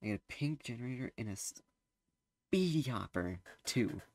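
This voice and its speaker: A man's voice: medium pitch, animated, a little slow. A teenage boy giving casual gameplay commentary, rambling and hesitant with lots of fillers. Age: teens. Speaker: gameplay streamer.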